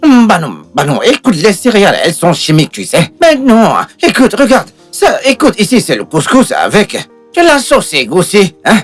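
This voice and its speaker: A woman's voice: medium pitch, wildly swooping pitch, normal speed, soft background music. Woman acting brash rambling village helper, swooping delivery. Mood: insistent, coaxing. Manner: rambling, insistent, full of interjections. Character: brash, stubborn village helper, bumbling and unbothered. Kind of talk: dubbed film drama.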